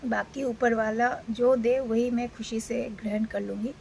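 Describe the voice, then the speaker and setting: Female vlogger, 40s, from India, unwell; relaxed rambling delivery with fillers over faint room noise. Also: a little high, measured pace, creaky, poor audio. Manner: rambling, with many fillers and restarts. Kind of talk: casual talk to camera.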